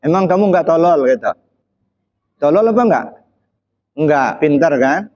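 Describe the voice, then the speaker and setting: A man's voice: on the high side, lively intonation, unhurried, a little mellow. Preacher quizzing his audience. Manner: questions the audience and presses them to answer; sprinkles frequent short "ya" checks between phrases. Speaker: Islamic preacher. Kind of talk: interactive religious study talk. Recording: slightly dull, muffled recording.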